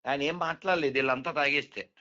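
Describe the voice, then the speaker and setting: Fast and sharp, a man with a fairly high voice lectures on spiritual matters, peppering his listener with rhetorical questions and coaxing him along as he explains. The lo-fi recording sounds dull.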